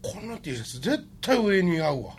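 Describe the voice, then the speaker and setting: A man's voice: high voice, very animated, moderate pace, husky. A man with a Kansai accent arguing casually, stubborn and contrarian as he justifies himself. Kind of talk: argumentative casual chat.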